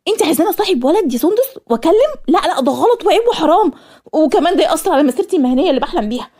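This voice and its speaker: A woman's voice: very high voice, animated. A woman voicing a fiery young Egyptian student. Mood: indignant. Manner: sharp, scolding, rapid-fire retorts. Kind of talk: cartoon voice acting.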